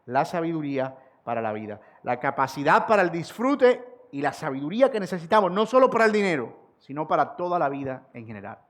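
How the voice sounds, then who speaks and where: A man preaching an expository sermon as pastor, repeating key sentences slowly for emphasis and rising in force on rhetorical questions. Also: on the high side, very animated.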